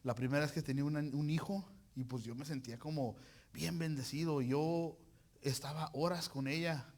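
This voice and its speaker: A male preacher delivers a sermon, animated and playful, full of casual slang and jokes. His voice sits a bit high for a man, and his delivery is lively and direct. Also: normal speed. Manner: animated, joking, uses colloquial slang.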